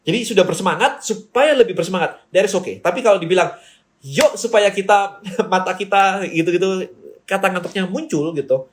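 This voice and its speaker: Pria pembicara bisnis, nada tinggi, hidup dan ekspresif, ceramah santai. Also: male voice, high-pitched. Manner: lively, acts out quoted people, mixes in English phrases. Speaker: business speaker. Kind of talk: seminar-style teaching talk.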